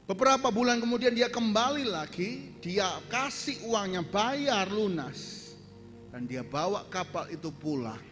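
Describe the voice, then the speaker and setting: A man preaching a sermon and telling a personal testimony, swinging from loud urgent calls to soft low asides and addressing the congregation directly. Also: animated, unhurried. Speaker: pastor. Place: large church hall. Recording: long church reverb with faint music behind.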